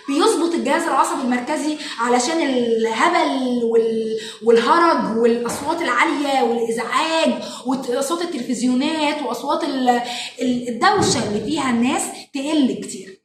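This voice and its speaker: An Egyptian woman, a parenting educator and show host, explaining classroom activities to parents in an animated way and acting out what children say. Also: high-pitched, slight background noise. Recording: echoey room, mic at a distance.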